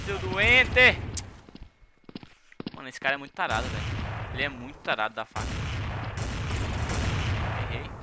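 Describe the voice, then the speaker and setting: Excitable young Brazilian gamer, high lively voice. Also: male voice. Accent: Brazilian Portuguese. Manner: excitable, slangy, shouts at the game. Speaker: gaming channel host. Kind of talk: casual gameplay commentary. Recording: gunfire noise under voice. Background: game gunfire.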